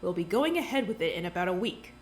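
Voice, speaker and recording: A woman plays a ruthless woman doctor who runs the whole place, patient on the surface and unbending underneath. Her voice is smooth and patronizing, at a middle pitch, and her delivery swings up and down lively as she presses a deal in a fan-made audio drama. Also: fast talker, a little hiss or hum, close to an everyday voice. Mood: coolly insistent. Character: scheming woman doctor in charge, calmly ruthless.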